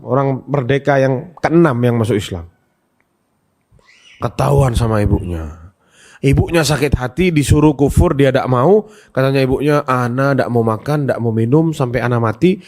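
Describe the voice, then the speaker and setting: Preacher guy telling stories, voice jumps way up n down, kinda high. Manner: storytelling with acted quotes, pitch swinging high and low. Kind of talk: sermon answering questions.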